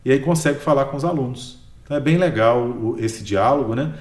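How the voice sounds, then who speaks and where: In an echoey room, a male history professor with a Brazilian Portuguese accent describes his work during an interview. His voice sits in the mid range and moves fairly quickly, his tone relaxed and explanatory. Most of his sentences close with a questioning "né?".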